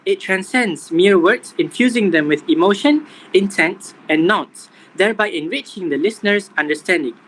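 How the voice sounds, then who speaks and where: A young man reading out a scripted class presentation in a steady manner. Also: high voice, moderate pace, slight background noise, poor audio. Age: young adult. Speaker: student presenter.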